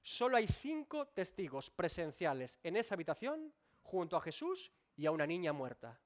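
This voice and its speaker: A male pastor delivers a sermon in a fairly high voice. His pitch swings widely, rising and falling as he presses his points. He speaks directly to the congregation. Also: sing-song, normal speed. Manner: emphatic preaching with sweeping rises and drops. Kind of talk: expository sermon. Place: church.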